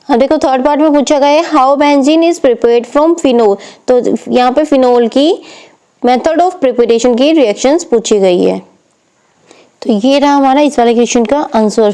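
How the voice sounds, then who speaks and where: Woman chemistry tutor, high mellow voice, patient step-by-step explaining. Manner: explains step by step, asks and answers own questions. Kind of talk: exam paper walkthrough lesson.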